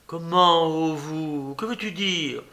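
A man's voice: on the high side, slow pace, sharp tone, exaggerated voice. A man reading a novel aloud, voicing an irritated, stubborn elderly aunt who scolds her nephew. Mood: exasperated. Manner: scolding, indignant questioning. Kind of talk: audiobook character reading.

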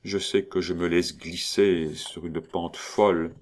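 A man's voice: flat delivery, takes it slowly. A man as a timid lovesick young notary. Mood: hushed. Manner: low, hushed, despairing.

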